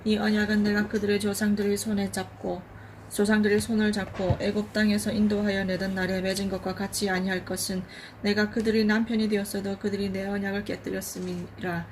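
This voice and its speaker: A woman reads scripture aloud together with the congregation in a flat, even recitation. The sound is slightly noisy and comes from away from the mic. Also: medium pitch, a little fast. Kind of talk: unison scripture reading.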